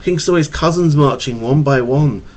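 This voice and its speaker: At home, recorded through a webcam microphone, a father reads his child a bedtime picture book at a moderate pace. His voice is on the high side with a darkish tone, and he stutters, stumbling and repeating words.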